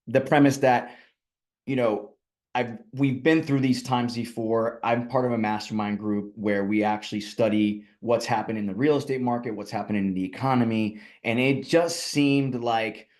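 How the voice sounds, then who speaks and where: A man's voice: fairly low pitch, steady tone, measured pace, a little mellow. A man from Puerto Rico giving a rallying, conversational presentation on a video call as a guest speaker, with many fillers. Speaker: guest speaker, real estate team leader. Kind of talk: energetic motivational presentation.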